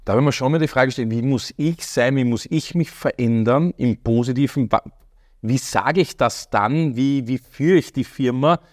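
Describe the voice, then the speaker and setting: A man's voice: mid-range voice, normal speed, darkish tone. A man interviewing a guest, talking in long emphatic ramblings with frequent restarts. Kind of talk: casual interview talk.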